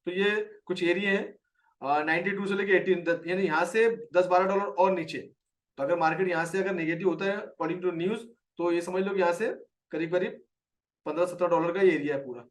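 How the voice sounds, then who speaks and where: A man's voice: sits high, steady tone, moderate pace, recorded from a distance. A man with an Indian accent teaching a live trading lesson, explaining a chart and answering viewers by name.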